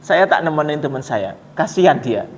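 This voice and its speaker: A preacher voicing a loyal, soft-spoken man. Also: on the high side, very animated, moderate pace, a little hiss or hum. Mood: earnest resolve. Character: kind-hearted man refusing heaven for his friend. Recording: echoey mosque hall.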